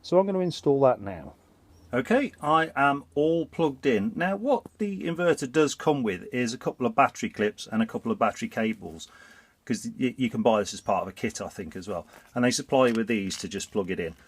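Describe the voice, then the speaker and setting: Congested with a cold, a vlogger with a blocked nose chats through a step-by-step DIY job on his narrowboat in a casual vlog. His voice is medium in pitch, lively in intonation, and brisk.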